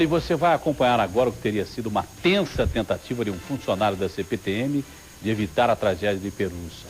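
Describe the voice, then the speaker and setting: A Brazilian man anchoring television news, presenting and commenting in a conversational way. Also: mid-range voice. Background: music.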